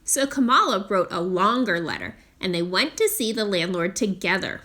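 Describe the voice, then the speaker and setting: A woman reading a children's picture book aloud in an expressive, deliberate storytelling manner with drawn-out emphasis. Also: mid-range voice. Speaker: storytime reader.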